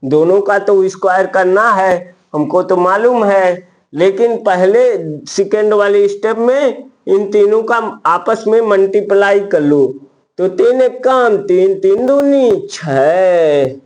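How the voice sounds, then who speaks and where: A man with a high voice walks viewers through a maths trick at a slow, deliberate pace. He counts out each step and repeats it, speaking to his students in a friendly, casual way. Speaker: maths teacher.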